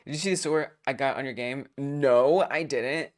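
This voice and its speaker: A young adult woman hosting a game jam stream, chatting casually in an excitable, self-mocking way. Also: very deep voice, moderate pace. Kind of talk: casual live-stream chat.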